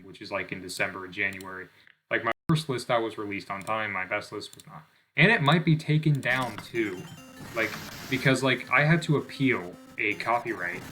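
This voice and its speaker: A man's voice: on the low side, sharp tone. A young man giving casual gameplay commentary, rambling with lots of fillers, swearing and making fun of himself. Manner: rambling, self-deprecating, swears often, many fillers. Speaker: gaming channel host.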